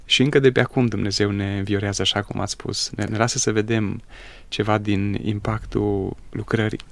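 A male host conducting a religious interview in a measured, reflective, preacherly way. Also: lowish voice, steady tone, creaky, no room sound.

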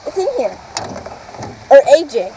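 A teenage boy chatting in short excited remarks while fishing with his brother. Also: extremely high pitch, a little slow, slight background noise, low-quality recording. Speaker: younger brother. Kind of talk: casual chat. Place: outdoors on a pond.

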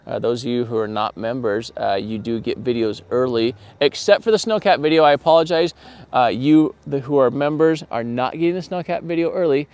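Hosting his channel's casual livestream, a man in his forties talks cheerfully to viewers from a parking lot at night, phone held out at arm's length. His voice is medium-pitched, smooth and a little mellow, his delivery fairly quick, and faint outdoor sounds come through.

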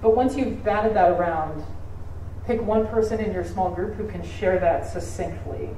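A woman's voice: mid-range voice, moderate pace, warm tone, a little hiss or hum. A middle-aged woman pastor preaching a sermon from the pulpit in a conversational way, often asking the congregation questions. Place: church sanctuary, at a pulpit. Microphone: pulpit mic on a stand. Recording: echoey church from a distance.

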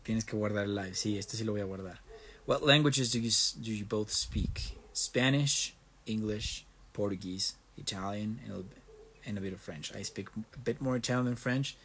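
A lowish, fairly bright voice at a measured pace, with slight hiss or hum, belongs to a young livestream host from Mexico. He talks casually over his phone, alternating Spanish and English, and works through viewer comments by reading and answering them in turns.

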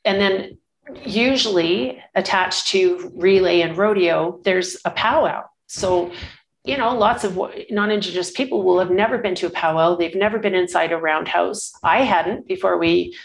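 A woman's voice: lowish voice, moderate pace, creaky, a little hiss or hum, poor audio. A woman in her sixties, a guest photographer, telling stories in a casual interview in an earnest, rambling way full of restarts. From Canada.

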